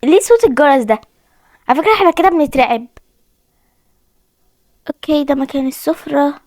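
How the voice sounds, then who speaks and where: Casual horror-game commentary comes from a chatty young woman with an Egyptian Arabic accent who talks to viewers as she plays and often admits she's scared. Her high voice is animated and a little mellow, with a slightly fast delivery. The clean studio sound carries no room sound.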